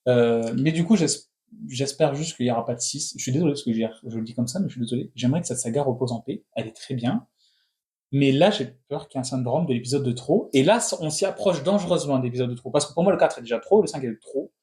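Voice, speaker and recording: A man's voice: medium pitch, mellow. A man in his thirties hosting a casual film critique, talking in opinionated bursts full of restarts. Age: 30s. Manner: opinionated, talks in quick restless bursts with many restarts. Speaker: film review host.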